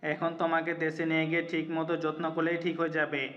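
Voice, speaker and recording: A man plays an earnest, remorseful young man in a romantic audio drama. His voice sits on the high side with very little melody. He speaks in a measured way, muffled, with music underneath. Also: completely flat delivery, natural voice. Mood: gently caring. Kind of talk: scripted romantic audio story acting.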